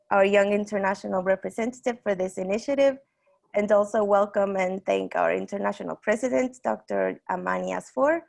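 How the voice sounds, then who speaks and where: Creaky-voiced young woman with a Mexican accent. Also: medium pitch. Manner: hesitant, halting. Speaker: online meeting host. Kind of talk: semi-formal welcome speech.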